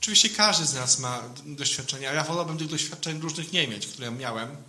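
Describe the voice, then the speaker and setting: A man's voice: a little high, expressive, quick pace, bright, forceful tone. A man, a priest, giving an informal sermon in a conversational way, often adding a questioning tag to his sentences.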